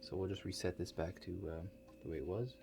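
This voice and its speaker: In a soft-spoken ASMR roleplay, a man with a low voice plays an awkward tinkerer who operates a machine for viewing the future. His delivery is quiet and halting, full of long hesitations and understated, mumbled asides, and it stays close to an everyday voice. The mood is matter-of-fact and hesitant, with faint noise behind him.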